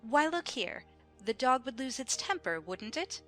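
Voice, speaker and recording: A woman's voice: high voice, very animated, a little slow, pushed and bright, full character voice. A woman playing a bossy, pedantic queen who contradicts like a schoolmistress in an audiobook drama. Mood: scolding, smug. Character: bossy, pedantic Red Queen, an imperious chess-piece monarch. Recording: music behind the voice.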